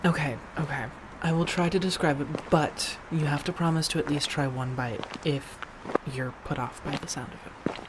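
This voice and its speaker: A woman lightly acts as an affectionate, low-voiced female vampire talking softly to her roommate at a moderate pace in this ASMR roleplay. Her teasing, enthusiastic manner stays gentle and chatty, with murmured, breathy asides, and faint background noise sits behind her.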